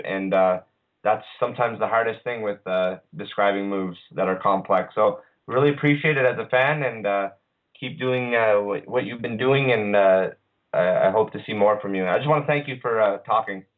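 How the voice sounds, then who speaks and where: A man hosting an online radio show, talking casually with lots of hesitations and restarts. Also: on the low side. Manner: halting, many uhs and restarts. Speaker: podcast host. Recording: phone-line quality audio.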